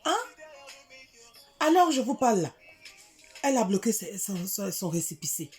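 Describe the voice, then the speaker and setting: A middle-aged woman from Africa tells a story to her viewers in a casual monologue, animated and indignant, repeating words for emphasis. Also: mid-range voice, moderate pace, soft background music. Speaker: vlogger addressing her community.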